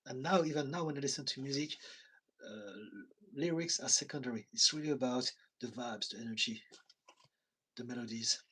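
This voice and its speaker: A weary therapist from France talks at a moderate pace in a mid-range, slightly rough voice with a French accent, and the recording is low quality. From his London home he chats casually on a live stream, reading viewer comments, laughing often and making soft asides.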